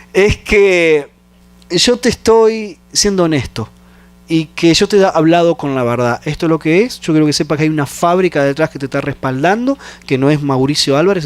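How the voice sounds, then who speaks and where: A man, a pastor, telling a personal story in a sermon and acting out the phone calls in quoted voices. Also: on the high side. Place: church.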